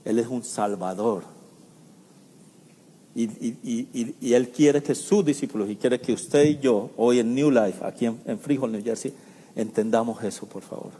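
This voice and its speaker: A man preaches a sermon in a warm, mellow voice of middle pitch, talking to the congregation with rhetorical questions and small jokes. His voice rings with a long reverb through the church sanctuary. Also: unhurried, slightly rough. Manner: jokey asides and chuckles. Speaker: pastor.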